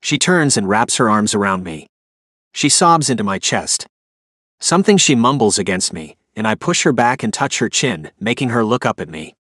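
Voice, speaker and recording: A man's voice: on the low side, very animated, moderate pace, fairly bright tone, dry recording, clean studio sound. A man narrating a first-person romance audiobook with an emotive, inner-monologue delivery.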